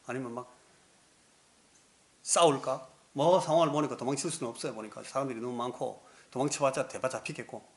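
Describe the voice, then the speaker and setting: Lively storytelling male pastor. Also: medium pitch, brisk. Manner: vivid storytelling, lively, acts out scenes. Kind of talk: sermon.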